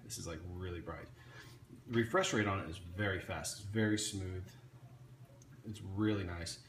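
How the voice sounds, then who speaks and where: A man's voice: deep voice, normal speed, a bit bright. A man casually showing off an electronics kit he built, talking off the cuff with frequent restarts and fillers. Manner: rambling, many restarts and fillers. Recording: echoey room with faint ambient noise.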